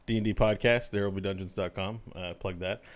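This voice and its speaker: Podcast co-host, man, rambling and animated, calling in remotely, laughs a lot. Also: low voice, a little fast. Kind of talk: casual podcast chat. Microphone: remote call.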